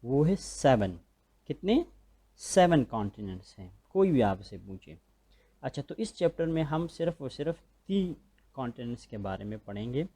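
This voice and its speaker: Patient Pakistani male teacher, mellow voice. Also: mid-range voice, sing-song, slightly rough. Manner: patient, repeats points and checks understanding. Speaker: school teacher. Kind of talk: recorded classroom lecture.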